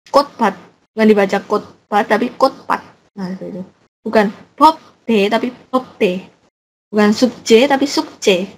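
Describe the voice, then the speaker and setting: Young woman, casual language teacher, chatty and self-correcting, mid-pitched, faint noise behind. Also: poor audio. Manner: chatty, explains with many fillers and self-corrections. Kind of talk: casual online lecture.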